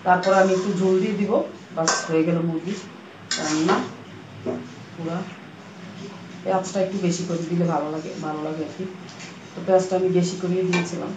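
A woman from Bangladesh with a hoarse voice from a cold, chatting casually as she explains her cooking steps in a home kitchen. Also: on the low side, fairly even intonation, a little fast, pauses often. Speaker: cooking vlogger. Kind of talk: casual cooking vlog narration. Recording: echoey kitchen with frying and rain noise.

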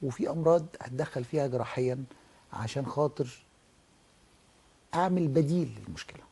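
A man's voice: mid-range voice, brisk, dark tone, breathy edge. A middle-aged man with an Egyptian Arabic accent, an ear, nose and throat professor who explains as a guest on a television health talk and acts out examples. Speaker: ENT professor and guest doctor.

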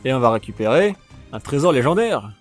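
A man giving casual, jokey commentary on a video game while playing, shouting during fights. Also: mid-range voice, very animated, fairly quick, faint music behind. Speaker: let's play gamer.

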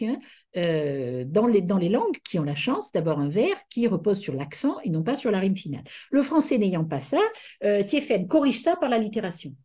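A middle-aged woman gives an academic lecture over a video call, hesitating and often pausing to find words. Her voice is medium-pitched, mellow and husky.

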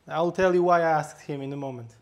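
A man with a Polish accent addresses a workshop audience from a stage microphone. His voice sits a little high for a man, and he speaks in a loose, unscripted way, pausing on fillers and restarting phrases. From Poland. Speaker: fire instructor presenting at a workshop. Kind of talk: conference talk, informal. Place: workshop hall.

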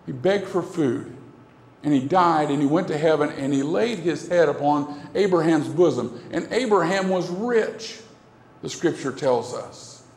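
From a far camera in an echoey sanctuary comes a middle-aged man's sermon, delivered earnestly and repetitively with broad gestures at the pulpit mic. His voice sits on the high side, expressive and unhurried, with a darkish tone.

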